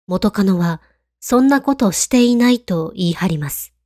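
A woman reading a scripted horror story in a hushed, calm, creepy storytelling manner. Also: mid-range voice, normal speed, no echo, studio quality. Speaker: ghost story narrator.

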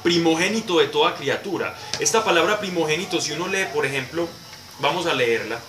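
A man's voice: on the high side, lively intonation, brisk. Man teaching a Bible class, echoey room. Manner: explanatory, answers questions, repeats words for emphasis. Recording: echoey room, distant mic, noisy background.

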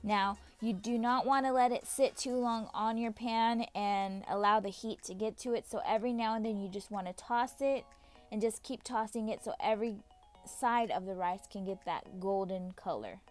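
A woman's voice: mid-range voice, normal speed, soft background music. A woman narrating a step-by-step cooking tutorial as the channel host, giving friendly, repetitive instructions straight to the viewer. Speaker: home cook and channel host.

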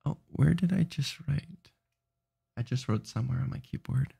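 A man's voice: medium pitch, moderate pace, vocal fry, dark tone, slightly rough. A sleepy man streaming late at night, rambling and restarting his sentences as he chats. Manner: rambling, self-interrupting, tired.

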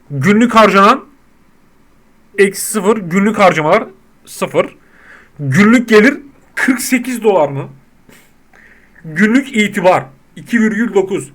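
A man giving casual, excitable gameplay commentary, reading out game text and yelling at the characters on screen. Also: sits high. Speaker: gaming YouTuber.

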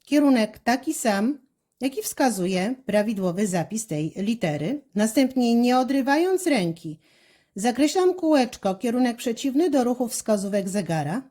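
A woman teacher talking through a handwriting lesson step by step, in a slow, careful, instructive way. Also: on the high side, big pitch swings, dark tone.

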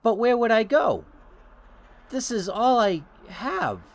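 A man voicing an elderly widow who is gentle, apologetic and fussy, talking in a polite, motherly way. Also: extremely high pitch, big pitch swings, slow pace, voice pushed up, heavily acted. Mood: pleading.

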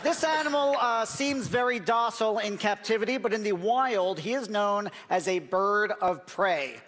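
A man's voice: high-pitched, normal speed, long reverb tail. A middle-aged man performing stage comedy as a hesitant, mock-earnest animal trainer. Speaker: ventriloquist posing as bird trainer. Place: large theater stage. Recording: loud audience noise in theater.

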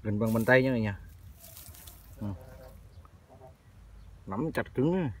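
A man's voice: mid-range voice, animated, slow. A man chatting to his viewers while fishing for frogs outdoors in the fields. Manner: chatty, addresses viewers as family. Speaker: vlogger. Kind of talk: casual outdoor narration. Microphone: handheld phone or body camera. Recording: noisy outdoor field recording.

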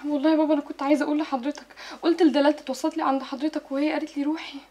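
A woman's voice: sits high, little pitch movement, rapid-fire. A young actress with an Egyptian accent playing a remorseful daughter who pleads with her father. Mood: pleading. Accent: Egyptian Arabic. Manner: pleading, tearful. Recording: loud music under.

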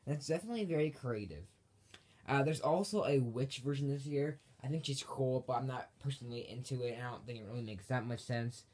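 A man's voice: medium pitch, a little fast, darkish tone. A man giving a casual, unscripted product review as an online reviewer, rambling and repeating and correcting himself as he goes. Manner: rambling and repetitive, with self-corrections. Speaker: reviewer of Halloween props on his own channel. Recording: amateur home video with background noise.

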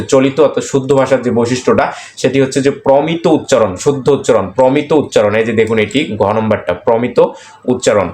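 A man's voice: medium pitch, darkish tone. A man with a Bangladeshi accent teaching an exam-prep lesson, explaining each answer step by step and repeating questions, with frequent "aah" fillers. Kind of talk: screen-recorded lesson walking through quiz answers. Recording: echoey room, faint background noise.

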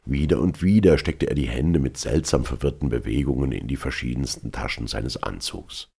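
Gravelly, very deep male narrator. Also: warm tone. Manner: measured literary reading. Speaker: audiobook narrator. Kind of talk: scripted narration.

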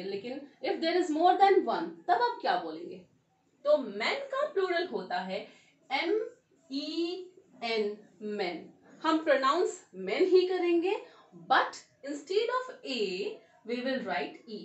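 Indian woman, English teacher, spells out words, asks quiz questions, slow deliberate delivery, echoey room, mic a little far off. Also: sits high, very animated, muffled recording. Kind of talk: grammar lesson.

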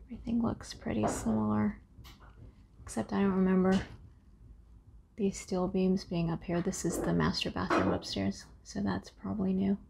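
A young woman with a medium-pitched voice and vocal fry gives a chatty, relaxed tour of her townhouse under renovation, speaking at normal speed as she walks. She's a homeowner vlogger filming indoors on a handheld phone, with construction noise in the background.

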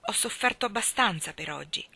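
A woman's voice: medium pitch, animated, fairly quick, gravelly, pushed and bright, slightly rough, exaggerated voice. A woman voicing an anxious, remorseful husband who pleads and exclaims, in a storybook reading. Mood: agitated.

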